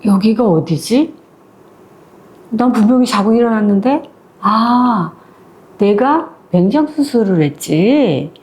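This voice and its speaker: A woman's voice: medium pitch, expressive, slow, long pauses, darkish tone. A woman voicing a confused man who has just woken in a hospital bed, muttering to himself.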